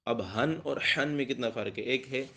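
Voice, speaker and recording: A man teaching Quran reading, repeating each syllable three times in a raised drawn-out voice, then explaining the rules quickly. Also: mid-range voice, gravelly, a bit bright. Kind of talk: recitation lesson, spoken explanation.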